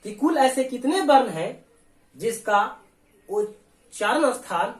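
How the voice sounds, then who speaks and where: A man's voice: very high voice, expressive, slow pace. A man with a Bihari Hindi accent teaching a board exam lesson, explaining step by step and answering his own questions. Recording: roomy echo.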